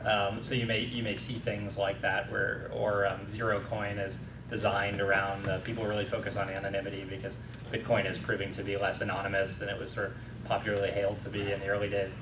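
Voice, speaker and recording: A man explaining his view as a conference panelist, measured with hesitant fillers. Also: lowish voice, completely flat delivery. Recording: distant echoey hall with noise.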